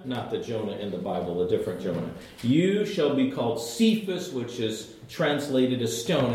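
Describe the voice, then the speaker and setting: A man's voice: mid-range voice, darkish tone. A man teaching the Bible, explaining scripture emphatically and restating his points for learners. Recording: very echoey room.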